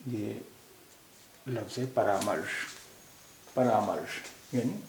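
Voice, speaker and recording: A man teaching a language lesson, repeating each word slowly to show how it is pronounced. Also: fairly low pitch, darkish tone. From India. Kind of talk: slow explanatory lesson. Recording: echoey room with faint hiss.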